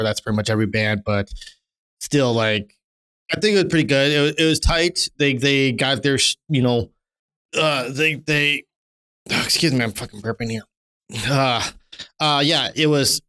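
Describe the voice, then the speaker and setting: A man's voice: mid-range voice, fairly quick, fairly bright tone. A man in his thirties co-hosting a podcast, chatting casually, rambling with many restarts and casual swearing. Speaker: podcast co-host. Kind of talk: casual chat.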